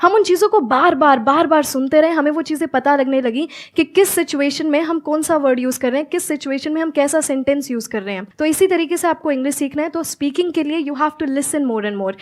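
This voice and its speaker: A young woman from Haryana, a guest giving earnest answers in an interview and mixing Hindi with fluent English. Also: high-pitched. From Haryana, India. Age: young adult. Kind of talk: answering interview questions on stage.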